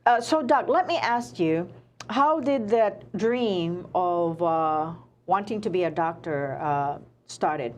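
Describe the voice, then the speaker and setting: Woman, talk show host, low-ish voice, halting speech, faint noise. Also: animated. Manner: hesitant, many uh fillers, warm praise. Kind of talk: casual interview.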